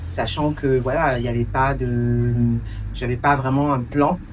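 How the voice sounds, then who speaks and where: A woman's voice: a bass voice, steady tone, unhurried, recorded from a distance, slight background noise. A woman in her forties, raised in France, answering interview questions as a cultural entrepreneur and producer, thoughtful, with many hesitations and a few English words mixed in.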